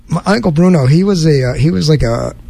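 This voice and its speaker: A man's voice: a little high, animated, brisk, vocal fry, mellow. A man from Philadelphia hosting a college radio show, trading jokes and telling stories in casual banter. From US East Coast, Philadelphia. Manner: joking, storytelling, playful.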